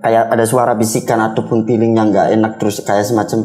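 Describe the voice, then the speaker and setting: A man's voice: on the low side, flat delivery, fast talker, darkish tone. Rambling young man telling a story over music. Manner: rambling, repetitive, colloquial with quoted dialogue. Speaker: guest recounting a ghost experience. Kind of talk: casual spoken storytelling. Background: background music.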